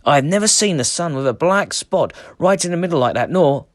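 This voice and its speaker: A man's voice: a little high, lively intonation, a little fast, dry recording, voice pushed up, lightly acted. Man reading as Erik the Viking, earnest leader. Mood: puzzled. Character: bold Viking leader, commanding young-hearted hero.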